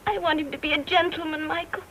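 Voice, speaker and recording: An actress playing a gentle young castaway mother, speaking softly and earnestly in 1940s film style. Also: sits high, steady tone, fast, a little hiss or hum, low-quality recording. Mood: tearful. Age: young adult.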